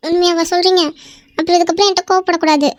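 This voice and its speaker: A jealous young wife in a cartoon, voiced by a woman, with a very high, childlike voice and fast talk. She pleads through tears and snaps back possessively. The recording is close and dry. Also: level tone, no echo. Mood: sulky, teasing. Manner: tearful and pleading, then sharp and possessive. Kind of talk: amateur cartoon voice acting.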